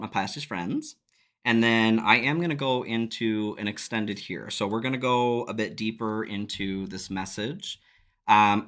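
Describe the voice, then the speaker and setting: A man giving a casual tarot reading to his viewers, reflective and relaxed, laughing now and then. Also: fairly low pitch. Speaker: tarot reader.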